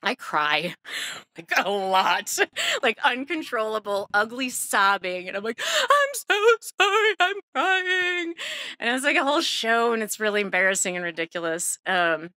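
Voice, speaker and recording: A woman in her thirties telling a true story live on stage, lively and laughing, acting out the people she quotes with big jumps in pitch. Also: normal speed, no echo, studio quality.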